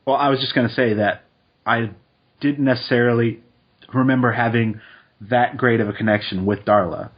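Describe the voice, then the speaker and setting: Husky man on a lo-fi podcast. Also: mid-range voice. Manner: relaxed, laughs easily, quick asides. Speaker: podcast co-host. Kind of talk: casual chat, reading statistics aloud.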